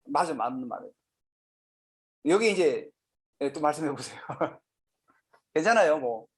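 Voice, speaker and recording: A male pastor with a slightly high-pitched voice leads a Bible study sermon. He talks in a lively, colloquial way and keeps asking the congregation questions as he explains each verse. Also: moderate pace. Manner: lively, asks the audience many questions; conversational and colloquial teaching. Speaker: senior pastor.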